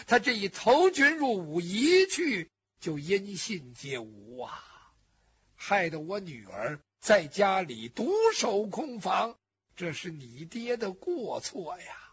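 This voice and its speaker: A man voicing a dying old father over 60 who pleads slowly and full of regret. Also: high voice, fairly bright tone, exaggerated voice. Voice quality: very husky. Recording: dull lo-fi recording.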